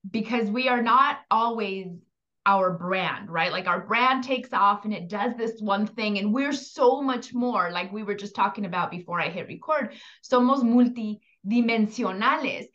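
A woman hosting a casual podcast as an empowerment coach, chatty and excited, slipping in Spanish words. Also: fairly high pitch, dull audio.

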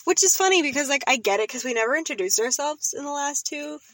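A young woman co-hosting a podcast, chatting casually in an animated, rambling way. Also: high voice, fast, no room sound. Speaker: podcast co-host. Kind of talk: casual chat.

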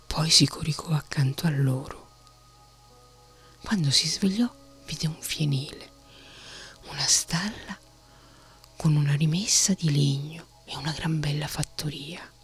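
Whispered bedtime story narrator, breathy and slow. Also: medium pitch, faint music behind. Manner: soft, steady whisper.

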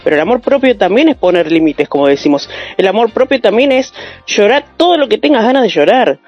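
A woman's voice: medium pitch, animated, a little fast, soft background music. A woman with a Rioplatense Spanish accent, talking reflectively and telling stories in a casual panel chat. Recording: dull lo-fi sound.

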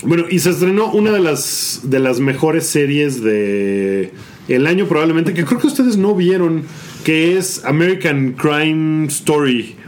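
Male Mexican podcast host, a touch high in register, informal slangy recap style. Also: lively intonation, measured pace. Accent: Mexican Spanish. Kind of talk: casual chat, recapping releases.

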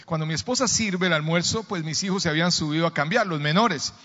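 A man's voice: a little high, quick pace, sharp tone. A middle-aged man, a pastor preaching and telling a story, calling the congregation to answer back. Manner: storytelling, calls for audience responses. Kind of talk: sermon. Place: church hall. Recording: dull sound, long reverb in a church hall.

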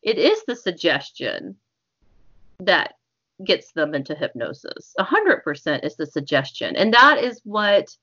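Woman, slightly low voice, chatty explainer on a dull lo-fi recording. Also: very animated, unhurried, pushed and bright. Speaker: hypnotist interview guest. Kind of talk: conversational explanation with demonstrated hypnosis suggestions. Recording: echoey, muffled lo-fi call audio.

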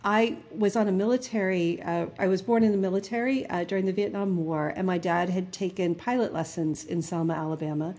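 Speaking brisk and nearly pause-free, this woman has a lowish, somewhat mellow voice. She's in her fifties, from New Jersey, and is an interview guest earnestly recounting personal stories in a reflective conversation, with lots of fillers and restarts.

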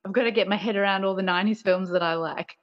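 A woman's voice: mid-range voice, steady tone, fast talker, muffled recording. A woman chatting casually as a podcast guest, playful and giggly, sprinkling her talk with "like". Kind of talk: casual chat.

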